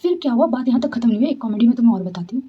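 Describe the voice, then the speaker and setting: A young woman vlogger from Delhi, telling a personal story to camera in a chatty, animated way at home at night. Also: a little high, rapid-fire, slight background noise. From Delhi, India. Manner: chatty, animated, often says "theek hai". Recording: dull lo-fi home recording.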